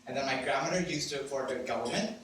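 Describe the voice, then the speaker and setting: A young Cambodian man whose first language is Khmer tells a personal story at a live storytelling event, talking fast in a medium-pitched, slightly bright voice with a Cambodian accent. He laughs often, mocks himself and swears cheekily. The mic sits at a distance in a very echoey room with an audience, adding slight background noise.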